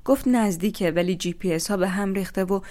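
A young woman telling a first-person story in a steady, reflective way. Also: mid-range voice.

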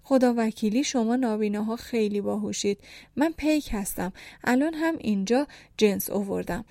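A woman's voice: a little high, darkish tone, no echo, clean studio sound, natural voice. A woman voicing a young male motorbike courier who apologizes in chummy, over-familiar street talk. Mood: apologetic.

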